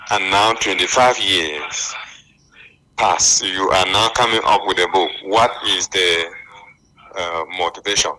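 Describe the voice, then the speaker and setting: A man's voice: low voice, bright, forceful tone, low-quality recording. A man phoning in to a talk show, speaking hesitantly with fillers. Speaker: caller. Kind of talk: phone-in call.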